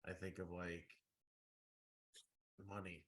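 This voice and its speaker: A man's voice: deep voice, slow pace, a little hiss or hum, rough recording. A man in his thirties, a podcast co-host, talking bluntly and teasing his friends in casual chat. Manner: blunt, teasing, animated storyteller.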